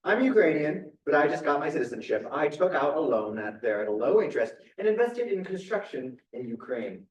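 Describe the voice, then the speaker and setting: A man reads a play aloud in a matter-of-fact, businesslike way. His voice sits a little high. The sound is distant, with room echo. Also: very animated, fairly quick. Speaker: actor in a staged reading, playing a dog trader with Canadian citizenship. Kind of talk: stage play reading. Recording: echoey room, distant mic.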